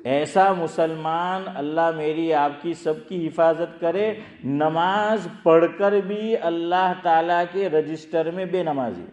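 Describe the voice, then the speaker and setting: A man's voice: fairly high pitch, few pauses, a little mellow, reverberant. A man, giving a conversational religious talk, asking his listeners questions and repeating key points. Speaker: Islamic scholar giving a talk. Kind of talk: conversational sermon.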